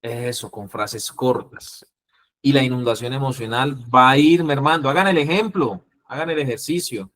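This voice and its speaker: A man with a Colombian accent teaching an interviewing class, acting out the calm phrases he wants students to use. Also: medium pitch, moderate pace. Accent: Colombian Spanish. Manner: lively, acts out calming phrases. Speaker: instructor.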